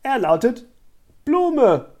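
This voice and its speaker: A reader voicing a sharp-tongued, scornful schoolgirl in a storybook reading. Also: mid-range voice, lively intonation, normal speed, voice pushed up.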